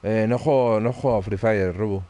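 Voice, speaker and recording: A man's voice: lowish voice, moderate pace, mellow. Tense Spanish man muttering over gameplay. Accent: Spain Spanish. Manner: tense, muttering, frequent swearing. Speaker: streamer. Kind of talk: live horror gameplay commentary.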